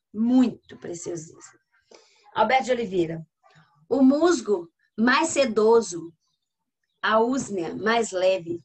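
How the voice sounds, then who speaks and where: A woman with a Brazilian accent giving a literature lecture to her class, explaining and often checking in with questions. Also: on the high side. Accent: Brazilian Portuguese. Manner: reads poems aloud slowly. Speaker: literature teacher. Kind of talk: classroom lecture over slides.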